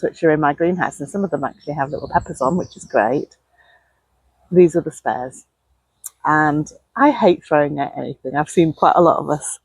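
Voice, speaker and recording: A woman's voice: low-pitched, darkish tone, slightly rough, no room sound, poor audio. A woman talking casually and chattily outdoors, as if keeping a gardening video diary. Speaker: allotment gardening vlogger. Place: outdoors on an allotment.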